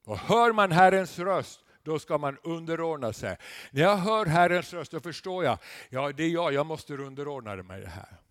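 A man preaching a sermon in a chatty way to the congregation, with asides and tag questions, building to loud emphatic peaks. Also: on the high side, expressive, no echo, studio quality. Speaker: guest preacher.

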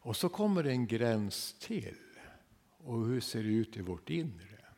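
Very animated and medium-pitched, a man preaches to his congregation, swinging between emphatic loud passages and near-whispers. He tacks a quick "va?" onto rhetorical questions, heard with the long reverb of a church hall.

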